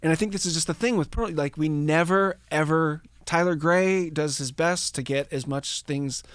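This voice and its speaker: A man's voice: fairly high pitch, normal speed, smooth, no room sound. A man hosting a podcast, telling a story in a casual, profane, rambling, jokey way. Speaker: podcast host.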